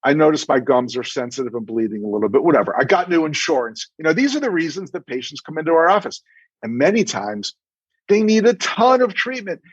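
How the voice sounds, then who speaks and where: As a guest on a podcast, a middle-aged man who is a dentist and practice coach offers animated advice, telling anecdotes and playing out imagined conversations. He sounds high-ish, very animated, fairly quick and slightly rough; there's no echo and the highs are cut off.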